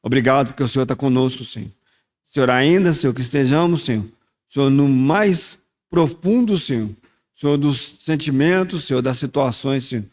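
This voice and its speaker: A man's voice: mid-range voice, moderate pace, a little mellow. A man giving a short communion sermon, then praying aloud and repeating "Lord" often, in a reflective tone. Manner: reflective, repeats "Senhor" in prayer. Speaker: church leader at communion. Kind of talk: sermon and spoken prayer.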